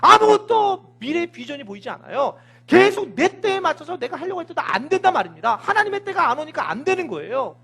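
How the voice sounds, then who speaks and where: A man preaching a sermon as pastor, telling the story with animated, acted-out scenes. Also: very high voice, fairly quick, creaky, hardly any pauses.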